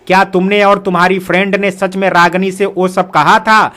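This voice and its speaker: A protective middle-aged mother, as a man reads her aloud, sharp and reproachful. The voice is pitched high for a man. It is a storybook character. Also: flat delivery, normal speed.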